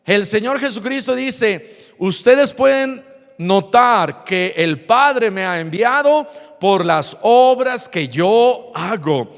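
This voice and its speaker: A man, a pastor preaching an animated sermon in church who acts out dialogue. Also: high-pitched, takes it slowly, big-room sound.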